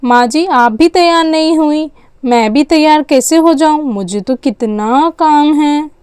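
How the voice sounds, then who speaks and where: A woman's voice: high voice, unhurried, a little mellow, dry recording, clean studio sound. A woman voicing a worried, busy young mother in a doll story. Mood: flustered. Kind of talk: storytelling with dolls.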